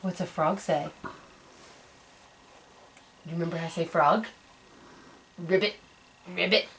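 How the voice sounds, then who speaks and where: A woman's voice: sits low, steady tone, normal speed, fairly bright tone, far from the mic, a little hiss or hum, rough recording. A young woman at home, patiently quizzing her baby with pictures, repeating words, praising her and imitating animal sounds. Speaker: mother quizzing her toddler. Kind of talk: home video of a parent coaching a baby to name pictures.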